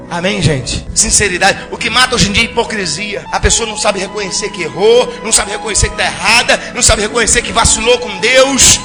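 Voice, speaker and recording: A male pastor preaching a fiery sermon, acting out biblical figures, shouting at peaks and dropping low for emphasis. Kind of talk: Pentecostal-style sermon.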